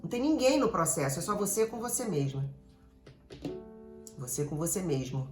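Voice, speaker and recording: Animated Brazilian woman therapist. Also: fairly low pitch, moderate pace, reverberant, faint music behind. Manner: animated, digressive, addresses listeners directly. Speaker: emotional therapist. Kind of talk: motivational talk to an audience.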